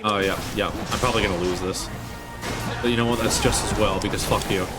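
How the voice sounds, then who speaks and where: A man's voice: lowish voice, fairly even intonation, fairly quick. A man chatting casually on a live game stream as a VTuber, joking and rambling as he answers viewers. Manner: joking, rambling, self-deprecating, casually profane. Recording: loud game music behind the voice. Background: video game music.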